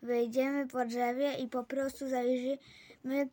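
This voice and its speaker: A woman reading a children's story aloud in a clear, steady way. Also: sits high, takes it slowly, no echo. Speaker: reader.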